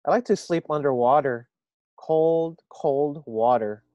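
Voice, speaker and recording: A man's voice: fairly high pitch, slow, dark tone, no echo, dull audio, pitched above the performer's own voice. Man doing a bossy fussy little frog.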